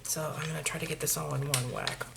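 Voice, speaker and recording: Maine-accented woman, middle-aged, lowish voice, homey craft tutorial host; noisy recording with clicks. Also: fairly even intonation, fast talker, gravelly. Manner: chatty, talks through each step, mutters asides to herself.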